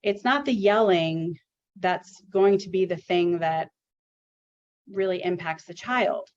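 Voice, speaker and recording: A woman's voice: lowish voice, slow. A woman therapist giving an educational webinar talk in a conversational way, full of "you know" and "um". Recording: dull lo-fi webinar audio.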